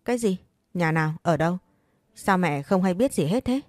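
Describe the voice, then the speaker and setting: Storybook role: a loud, sneering, vindictive mother, voiced by a woman narrator, low warm tone. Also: lively intonation, normal speed, no echo, lightly acted. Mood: indignant. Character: scornful vindictive middle-aged mother.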